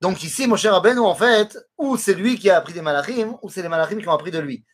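A man teaching a Torah lesson, explaining words slowly and weaving in Hebrew quotations. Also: high-pitched, husky.

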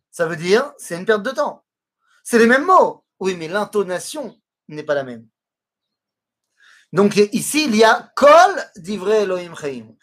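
Husky man teaching a lively Torah lesson. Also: sits high. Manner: explains slowly, weaving in chanted Hebrew quotes. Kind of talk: explanatory religious lesson.

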